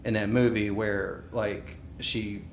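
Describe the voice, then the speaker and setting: A man in his thirties telling stories in a casual podcast chat, animated, acting out what people said. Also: slow pace. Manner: animated storyteller, acts out quotes. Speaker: podcast co-host. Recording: echoey room with faint rumble.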